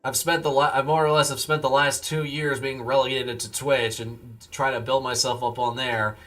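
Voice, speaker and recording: A man live streams and chats casually with viewers, rambling in a laid-back way and replying to chat messages. He sounds tired after a long day. His voice is medium-pitched and a bit bright.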